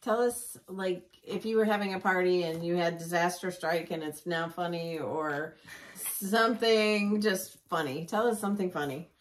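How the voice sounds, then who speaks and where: A woman's voice: lowish voice, moderate pace, recorded from a distance, slight background noise. A woman co-hosting a cross-stitch video show, chatting casually with viewers, friendly and a little frazzled, laughing often. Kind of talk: casual chat, announcements and sign-off.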